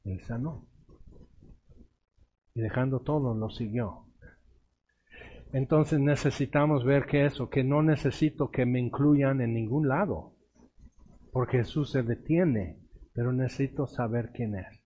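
A man's voice: medium pitch, unhurried, pauses often, warm tone, lo-fi sound, slight background noise. Man preaching a storytelling sermon. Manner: storytelling, acts out quoted voices.

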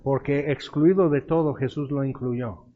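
A man's voice: medium pitch, steady tone, unhurried, narrow, tinny audio. A man preaching a sermon, retelling Bible stories and acting out the voices of the people in them. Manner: storytelling, acts out quoted voices.

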